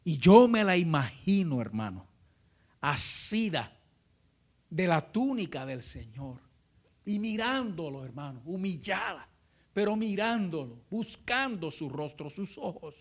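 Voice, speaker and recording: A male pastor preaching a fervent sermon that swells into shouting, often calling out to his listeners as brother. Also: fairly high pitch, very animated, measured pace. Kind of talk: impassioned sermon.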